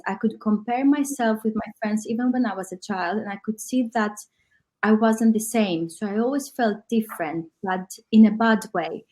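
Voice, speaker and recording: A woman from Greece, a coach who speaks as guest in an online workshop, reflective and often pausing with um. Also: medium pitch, darkish tone. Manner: reflective, with frequent ums.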